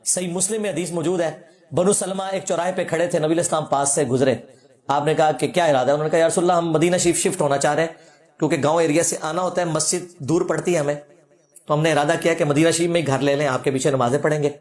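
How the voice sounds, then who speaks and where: High-voiced mocking scholar. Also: male voice, steady tone, a little mellow, echoey room. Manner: mocking, sarcastic, debunking. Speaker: religious scholar. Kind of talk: reaction lecture.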